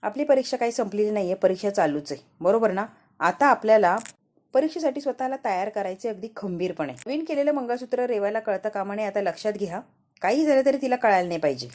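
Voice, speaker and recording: A woman's voice: mid-range voice, expressive, quick pace, darkish tone, close to an everyday voice. A woman reading out the lines of a playful, teasing young husband from a TV serial. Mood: earnest.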